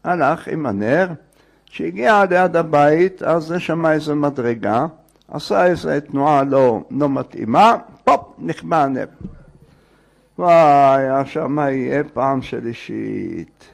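Gravelly man telling a folk tale. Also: fairly high pitch. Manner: lively, digressive, acts out the characters. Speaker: storyteller. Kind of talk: oral folk tale storytelling.

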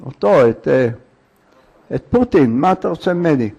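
A man's voice: on the high side, animated, gravelly, warm tone, husky, muffled recording. A man teaching a religious lesson, telling a story in short clipped phrases and prodding his listeners with questions.

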